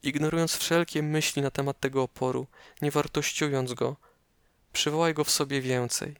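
A man narrating a guided meditation slowly and calmly, giving measured instructions with pauses, close up as if right in your ear. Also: fairly high pitch, smooth, no echo.

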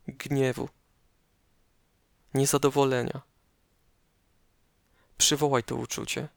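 A man narrating a guided meditation slowly and calmly, giving measured instructions with pauses, close up as if right in your ear. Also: medium pitch, gravelly, no room sound.

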